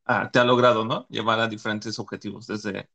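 A man's voice: lowish voice, level tone, a little fast, vocal fry, sharp tone. A man hosting a podcast, talking casually and rambling with lots of filler words. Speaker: podcast host.

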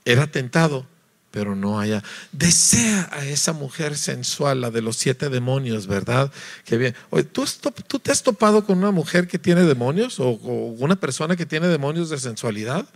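A man from Mexico, preaching a lively sermon, acting out voices and asking his listeners to agree. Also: medium pitch, normal speed, gravelly. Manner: animated, acts out voices, sings notes, asks listeners "¿verdad?".

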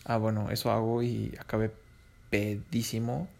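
Young Mexican man, gravelly low voice. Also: little pitch movement, moderate pace, darkish tone. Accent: Mexican Spanish. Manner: slangy, rambling, laughs between lines. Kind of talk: casual storytelling.

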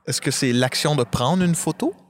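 A man's voice: on the high side, normal speed. A man with a Québécois French accent, a talkative podcast guest who rambles and pokes fun at himself. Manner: talkative, self-deprecating, rambling. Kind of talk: casual conversation.

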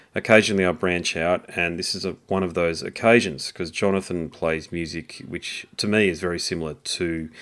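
Deep-voiced male podcast host. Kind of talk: podcast introduction.

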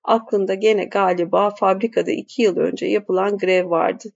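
A woman narrating a literary audiobook in a measured, even way. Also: mid-range voice, vocal fry. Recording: dull lo-fi audiobook recording.

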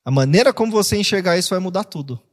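A Brazilian man preaching a sermon as pastor, animated, acting out quoted voices with jokes along the way. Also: high voice, racing. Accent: Brazilian Portuguese. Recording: long hall reverb.

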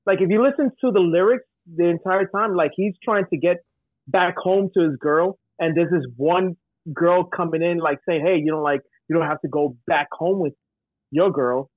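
A man's voice: fairly high pitch, normal speed, no echo, narrow, tinny audio. A tipsy man chatting casually as podcast co-host, loose and slurring, swearing freely, heard over a video call.

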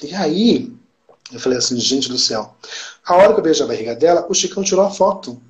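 Excited Brazilian man telling a story. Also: a little high, quick pace. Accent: Brazilian Portuguese. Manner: excited, emphatic storytelling with quoted dialogue. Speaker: podcast guest. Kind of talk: casual chat.

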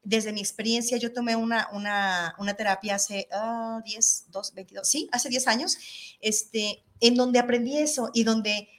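A woman's voice: a little high, fairly even intonation, a little slow. A middle-aged woman hosting a talk, speaking in a thoughtful, earnest way. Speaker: host. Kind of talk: reflective talk show chat.

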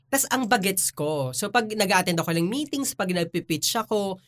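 A woman in relaxed podcast chat, talking easily and dropping in quick fillers and asides as she goes. Her tone stays conversational throughout. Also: mid-range voice.

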